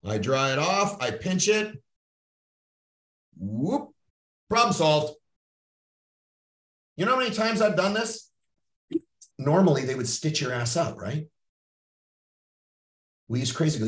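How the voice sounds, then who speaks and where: Slow and fairly bright, with a slightly high voice, big pitch swings, and long pauses, a middle-aged Canadian man hosts a podcast. He talks bluntly and profanely like a motivational coach, and the sound is roomy with a distant mic.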